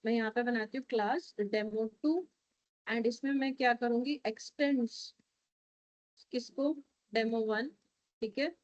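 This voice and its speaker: A woman's voice: a little high, no echo, muffled recording. A woman with an Indian accent, teaching a programming class while coding live and checking often that her students follow. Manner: switches between Hindi and English, coaxing with frequent checks.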